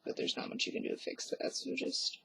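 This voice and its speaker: A woman's voice: brisk, bright, forceful tone, a little hiss or hum. A young woman whispering through a hands-on craft tutorial at home, with offhand, self-mocking asides. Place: at home, quiet indoors.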